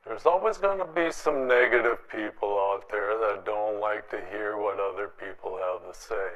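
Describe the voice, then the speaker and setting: A man's voice: on the low side, moderate pace, fairly bright tone, lo-fi sound. A man hosting an opinionated public access show, speaking bluntly and defiantly and repeating himself for emphasis. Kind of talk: opinionated monologue to camera.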